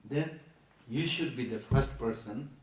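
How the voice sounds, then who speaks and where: Tibetan accent guy giving a buddhist talk, emphatic and deliberate, repeats himself, echoey room, bit far from the mic. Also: medium pitch. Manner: deliberate, emphatic, repeats key phrases, poses rhetorical questions. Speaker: Buddhist teacher. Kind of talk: Buddhist teaching to a live audience. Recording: echoey room, recorded from a distance.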